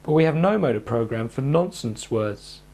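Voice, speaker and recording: A man with a medium-pitched voice calmly leads listeners through speech therapy exercises. His instructional narration is measured, coaching them step by step.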